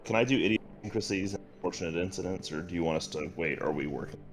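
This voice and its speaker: Man, very low voice, dry joking, music clearly behind. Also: fast talker. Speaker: player. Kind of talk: casual game chat.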